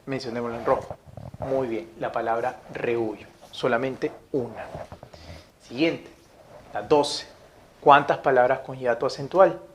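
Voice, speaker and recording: A man teaching a grammar lesson, reading each example sentence slowly, saying it twice and checking in with his listeners. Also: mid-range voice, fairly even intonation, slight background noise.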